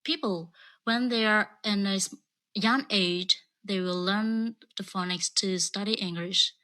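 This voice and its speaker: A woman's voice: mid-range voice, measured pace, sharp tone. A woman calling in to ask careful, slightly hesitant questions about learning English. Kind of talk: asking questions in a live chat.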